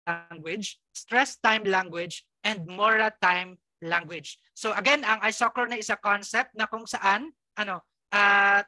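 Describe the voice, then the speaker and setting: A woman's voice: mid-range voice, bright, forceful tone, no room sound. A woman with a Filipino accent teaching an online exam review, explaining loosely with many fillers and often checking whether the class follows. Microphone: close mic, online class.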